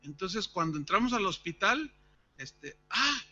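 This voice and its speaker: A man's voice: high voice, a little slow, dull audio, a little hiss or hum. A man preaching at a church service, telling a personal story and acting out its dialogue. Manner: animated, acts out the dialogue of his story. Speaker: pastor.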